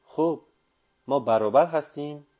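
A man doing a calm, blunt old sorcerer. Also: on the high side, lightly acted. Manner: slow, steady, cutting.

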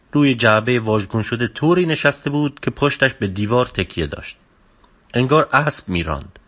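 Male narrator for a book reading, steady, subdued, mid-range pitch. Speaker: audiobook narrator.

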